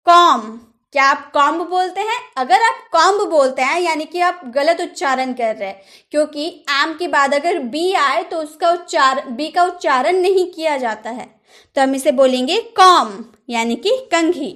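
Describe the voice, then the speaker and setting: High-voiced woman teaching pronunciation. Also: animated, fairly bright tone. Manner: repeats each word slowly and quizzes viewers with questions. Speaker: English teacher. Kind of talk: pronunciation lesson.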